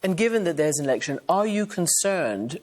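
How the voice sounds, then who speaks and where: A woman's voice: on the low side, big pitch swings, brisk, darkish tone, slight background noise. A woman television anchor conducting a news interview, posing poised, probing questions.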